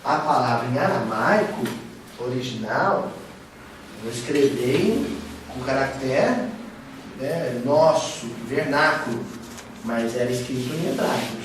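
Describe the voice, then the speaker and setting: Heard from a distance in an echoey room with background noise, a man with a mid-range voice speaks slowly to a study group at a spiritist center's study room. It's an informal teaching talk; he's casual and animated and frequently asks his listeners questions.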